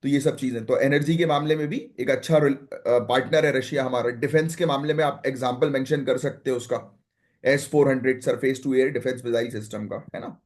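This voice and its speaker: A man's voice: medium pitch, fairly even intonation, moderate pace, darkish tone. A young man teaching current affairs for exam prep, chatty and direct, mixing English terms in and checking in with "है ना?". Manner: conversational Hindi-English mix, frequent "है ना?" and "ठीक है"; direct, advising students what to note.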